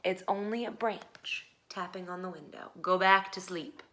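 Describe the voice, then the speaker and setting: A woman's voice: fairly low pitch, measured pace, sharp tone. A woman voicing a sleepy, firm grown male mouse in a children's story, curt and matter-of-fact. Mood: curt, dismissive. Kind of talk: children's picture-book read-aloud.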